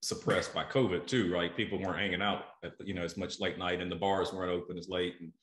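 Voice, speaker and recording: A man's voice: deep voice, fairly even intonation, fast talker, fairly bright tone. A middle-aged man, interviewing a guest over a video call, thinking aloud with many fillers and repeated words. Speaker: interviewer, food show host. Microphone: earbuds on a video call. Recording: roomy video call audio.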